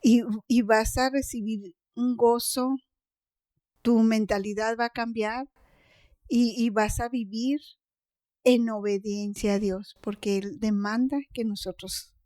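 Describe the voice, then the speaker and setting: A woman's voice: fairly high pitch, steady tone, takes it slowly, warm tone, dry recording, clean studio sound. An older woman, a podcast guest, speaking in firm, encouraging, short statements about faith. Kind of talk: casual faith conversation.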